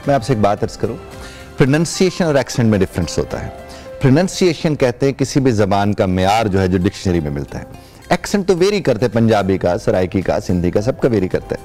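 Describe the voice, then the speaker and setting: A man's voice: lowish voice, big pitch swings, fairly quick, dark tone. Male guest, middle-aged, from Pakistan, formal patient explainer; light music bed under a studio interview. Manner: explanatory, formal Urdu with English words. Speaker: English teacher, guest.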